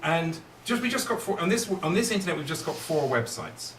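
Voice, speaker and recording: Performing magic for children, a middle-aged man talks briskly in a slightly high, bit-bright voice with lively intonation. His playful patter asks the kids questions to carry them along, recorded roomy and distant with faint noise.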